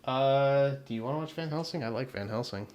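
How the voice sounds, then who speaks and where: Male podcast co-host, mid pitch, animated and profane, casual banter. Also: brisk, highs cut off. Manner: animated, swearing, laughs often. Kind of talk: casual chat.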